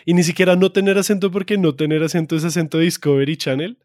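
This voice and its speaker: A young man from Colombia with a Bogotá accent, co-hosting a podcast in relaxed, self-mocking casual chat. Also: fairly high pitch, fast, no room sound, studio quality. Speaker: podcast co-host.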